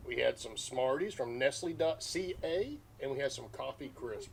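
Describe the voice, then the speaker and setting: A middle-aged man with a Southern US accent hosts a family snack taste-test video, chatting in a folksy, casual way while crunching and chewing. His mid-range voice is creaky and moves at normal speed, with a crowd and noticeable noise in the background.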